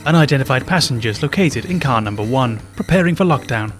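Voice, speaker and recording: Formal train PA announcer, read by a man, newsreader delivery, middle pitch. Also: expressive, fast, fairly bright tone, soft background music, lightly acted.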